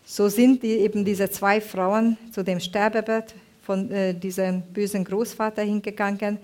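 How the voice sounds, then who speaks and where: A woman from Hungary, giving a sermon with a personal story, halting and often searching for words. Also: medium pitch, level tone, a little mellow.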